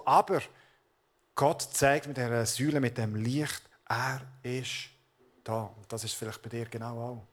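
A man, a pastor preaching a sermon, speaking earnestly and addressing the listeners directly. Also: medium pitch.

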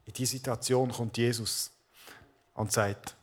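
A man's voice: mid-range voice, fairly even intonation, measured pace, a little hiss or hum. A man, a pastor preaching a sermon, speaking earnestly and addressing the listeners directly.

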